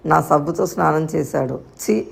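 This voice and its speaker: A woman's voice: deep voice, moderate pace, gravelly, husky, full character voice. A woman reading the part of a harsh, mocking young sister-in-law in a storybook tale. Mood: scornful. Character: sharp-tongued spiteful young sister-in-law.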